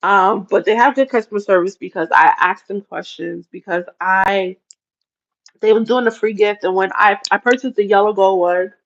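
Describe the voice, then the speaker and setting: A woman's voice: medium pitch, moderate pace, highs cut off. A woman chatting casually on a livestream, rambling and often laughing as she talks. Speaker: livestream host.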